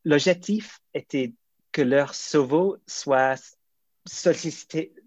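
A man's voice: on the high side, darkish tone, dry recording. Englishman speaking broken French, slightly muffled. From England. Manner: broken, non-native French with grammatical slips; halting, hesitant delivery. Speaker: guest medical researcher. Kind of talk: explaining research in an interview.

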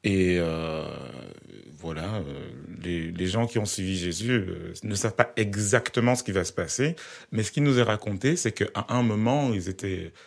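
A man hosting a conversation, telling a story in a measured, hesitant way. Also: deep voice, vocal fry.

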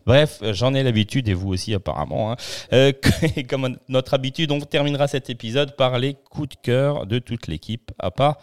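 A man's voice: mid-range voice, normal speed. A man with a noticeable accent hosting a casual film podcast in French, cheerful and welcoming. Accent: non-local French accent. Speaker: podcast host.

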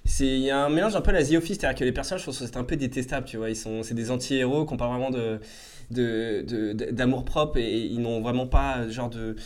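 A man co-hosting a casual review chat, talking frankly with quick restarts. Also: medium pitch, steady tone, a little mellow. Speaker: podcast co-host reviewing a series.

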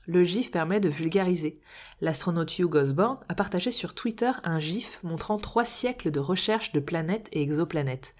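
Woman, podcast host, scripted narration, wry asides, fairly low voice. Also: darkish tone. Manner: informative with wry, playful asides.

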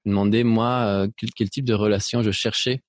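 In a reflective interview, a middle-aged Spanish guest speaks hesitantly about his life, peppering it with fillers and restarts in a mixed French accent with a slight Belgian flavor. His voice is on the low side, steady in tone and brisk.

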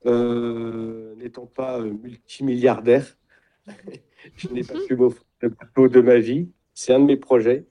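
A middle-aged man, a guest in an interview, talking in a reflective way and often pausing to search for words. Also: mid-range voice, level tone, mellow, highs cut off. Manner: describes himself as introverted. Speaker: guest, sailing retreat founder. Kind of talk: casual interview talk.

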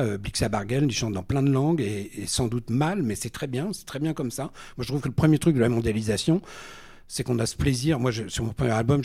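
A man's voice: medium pitch, darkish tone, slightly rough. A man, a singer-songwriter, talking bluntly and with animation in a casual panel discussion, swearing freely.

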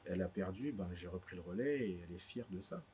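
A man's voice: low-pitched, expressive, quick pace, darkish tone, slight background noise. A young adult man from Guadeloupe, a DJ being interviewed, talking casually and hesitantly with many fillers and restarts. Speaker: DJ guest. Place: indoor cultural space in a bookstore.

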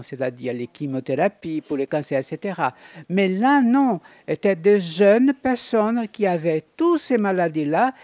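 Slow-spoken woman from Brazil. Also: lowish voice, warm tone, no echo. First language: Portuguese. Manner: slow, searching for words, with pauses and restarts. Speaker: doctor and activist. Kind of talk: personal testimony.

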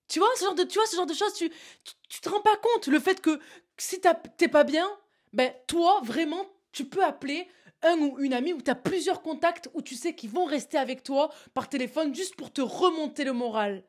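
Young adult woman, slightly high pitch, casual motivational monologue to camera, animated and direct. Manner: emphatic, animated, addresses the listener with frequent "tu vois". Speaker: motivational vlogger.

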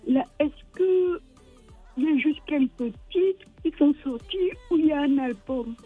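A woman's voice: sits high, unhurried, faint music behind. A woman calling in to a radio show, speaking in a hesitant, friendly way. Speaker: caller. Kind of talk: phone-in chat. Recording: tinny phone line.

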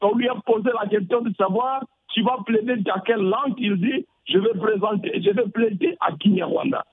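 A high, husky-voiced man speaks in a measured, deliberate way as a parliamentarian in a radio debate. His voice comes through a tinny, dry phone line. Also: no room sound. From North Kivu, DR Congo. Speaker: member of parliament, debate guest.

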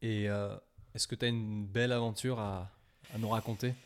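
A man's voice: on the low side, fairly even intonation, normal speed, clear, resonant tone. A man interviewing a traveler, asking informal questions in a casual way. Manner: informal, uses the familiar 'tu'.

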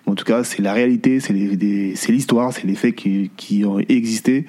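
A man hosting a podcast interview, speaking informally and encouragingly, with halting, restarted phrases. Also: lowish voice, fairly even intonation, warm tone. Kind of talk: conversational interview.

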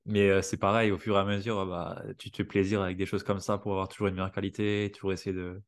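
A man hosting a podcast conversation, relaxed and agreeable, chiming in often. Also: low-pitched. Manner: relaxed, agreeable, quick to chime in. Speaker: podcast host.

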